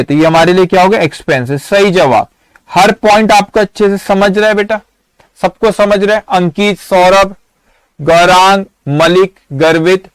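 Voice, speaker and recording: A man's voice: high voice, smooth, no room sound. A man teaching accounting in a live online lecture, asking students questions and answering them himself.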